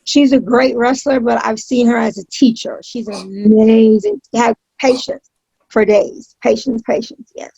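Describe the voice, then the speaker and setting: A woman with a heavily creaky, fairly high voice gives an interview in a casual, emphatic way. She repeats phrases to drive points home. The tone is husky and the audio is dull and lo-fi. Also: steady tone, measured pace, mellow, no room sound. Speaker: interview guest, pro wrestling announcer.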